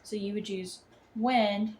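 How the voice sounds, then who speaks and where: A woman's voice: medium pitch, fairly even intonation, takes it slowly, a little mellow. Young female student teacher, slightly muffled sore-jaw speech, informal and hesitant, noisy home recording. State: sore jaw after wisdom tooth removal. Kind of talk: informal lesson plan presentation. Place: apartment room. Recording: clear background room noise.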